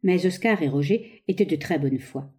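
A woman calmly reading a novel aloud as narrator. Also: on the low side, normal speed, breathy edge. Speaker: audiobook reader.

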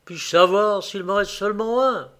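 A man's voice: high-pitched, normal speed, a bit bright, smooth, voice pushed up. A man playing a bitter, heartbroken young village man who speaks with plaintive anguish in a read-aloud story.

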